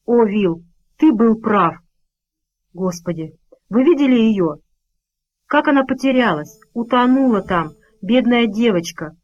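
A distraught elderly woman pleads in a breathless, shaken rush, as a woman narrator puts her on. Her voice climbs higher than the narration around it. It is an audiobook reading. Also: lively intonation, a little slow, long pauses, darkish tone, dull audio. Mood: frantic pleading.

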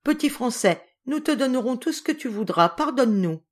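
A woman reading an audiobook who voices a group of frightened, fawning children in a high, pleading tone. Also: expressive, normal speed. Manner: high-pitched, pleading chorus.

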